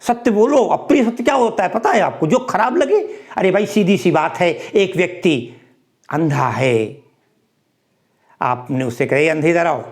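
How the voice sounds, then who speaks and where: A man teaching and explaining verses of a religious epic, chanting lines slowly and then explaining them in an expressive way. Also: sits high. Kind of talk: expository lecture on verse.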